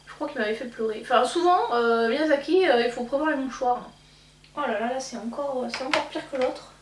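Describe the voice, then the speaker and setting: A woman's voice: sits high, fairly quick. A woman in her thirties, a beauty vlogger chatting casually and rambling with many fillers while doing her makeup. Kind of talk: casual get-ready-with-me chat. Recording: echoey room, mic at a distance, faint hum.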